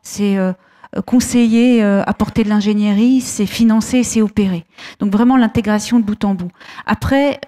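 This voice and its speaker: A woman speaking as a bank executive on a debate panel, brisk and assured, with some restarts. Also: mid-range voice, fairly even intonation, mellow, in a large hall. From France.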